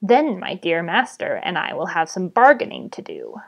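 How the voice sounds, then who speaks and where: A woman voicing a cruel, mocking male goblin leader with a raspy voice, read aloud from a novel. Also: on the low side, wildly swooping pitch, moderate pace, exaggerated voice. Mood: sneering. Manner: sneering, menacing commands.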